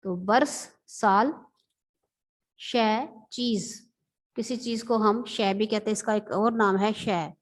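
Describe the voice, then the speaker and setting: A woman teacher from Pakistan, giving a patient, explanatory vocabulary lesson and repeating words slowly. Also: medium pitch.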